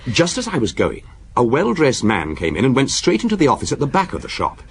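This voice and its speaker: In a radio drama, a male actor voices a deferential police subordinate with dry amusement, reporting in a measured storytelling style with small hesitations. His mid-range, husky voice swoops wildly in pitch, fully in character.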